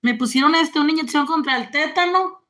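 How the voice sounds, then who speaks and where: A woman's voice: sits high, brisk, sharp tone. A woman, chatting casually on a live stream and greeting viewers. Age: 40s.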